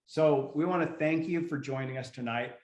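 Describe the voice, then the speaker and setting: A man of middle pitch hosts a casual sales call from home in a relaxed, folksy manner. His voice comes through a video call in an echoey room. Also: moderate pace. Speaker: host of a sales opportunity call.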